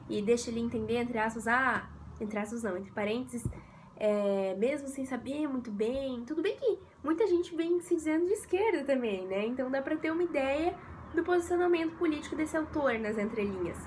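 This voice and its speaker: A young Brazilian woman talks through an exam essay in a casual, chatty lesson, her slightly high voice hoarse from a cold. She leans on fillers as she goes. Traffic noise from the street carries clearly into the room. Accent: Brazilian Portuguese. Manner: chatty, many fillers like "é" and "sabe". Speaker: essay tutor. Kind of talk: casual vlog-style lesson. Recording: noisy room with street sounds.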